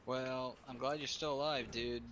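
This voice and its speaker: A man chatting casually with a friend, excitable and blunt, swearing casually. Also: mid-range voice, moderate pace, slight background noise. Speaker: friend on call. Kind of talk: casual chat.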